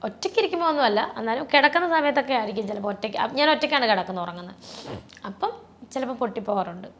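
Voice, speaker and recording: A woman talking as an interview guest, rambling and restarting, her voice often sinking soft and low with emotion. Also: lively intonation, racing, slight background noise. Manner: rambling, many restarts and fillers. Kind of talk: personal interview talk.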